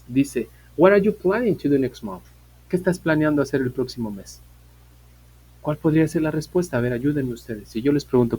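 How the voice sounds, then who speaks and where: A man's voice: medium pitch, a little mellow, husky, poor audio. A man, teaching an online English class, explaining patiently, repeating points and asking his students questions.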